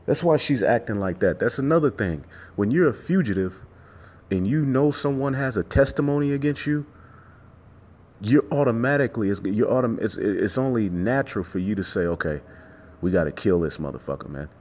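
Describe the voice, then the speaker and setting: A man's voice: mid-range voice, moderate pace, a little mellow. A man giving an informal sermon as a religious teacher, speaking emphatically and repetitively with profanity. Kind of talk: informal sermon with scripture reading and commentary.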